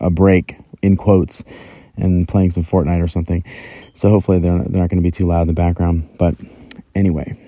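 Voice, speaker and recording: A man's voice: low voice, dark tone, no room sound. A middle-aged man hosting a solo podcast from inside a closet, telling his own story in a casual, conversational, self-deprecating way. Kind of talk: casual first-person podcast monologue. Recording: very dry, close closet recording.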